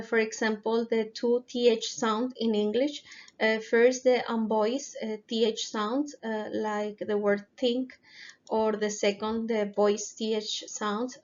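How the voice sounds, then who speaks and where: Woman presenter, slow hesitant delivery, higher pitch, dull lo-fi sound. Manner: slow, careful explanation with frequent hesitations. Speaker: presenter explaining phonetics. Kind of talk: narrated lesson over slides. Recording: dull, lo-fi recording.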